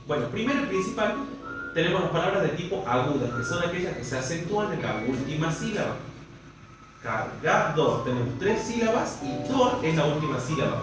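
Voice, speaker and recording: Lively Argentine man teaching a class. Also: on the high side, heavy reverb, far from the mic, low-quality recording. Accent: Argentine Spanish. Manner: explains step by step, checks understanding with frequent questions. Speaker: language teacher. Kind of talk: classroom lesson.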